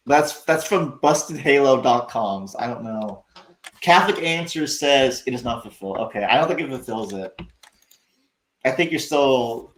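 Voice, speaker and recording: A man's voice: medium pitch, fairly bright tone, echoey room, low-quality recording. A man hosting a livestream, rambling and sarcastic, swearing freely as he talks casually to his chat. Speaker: livestream host.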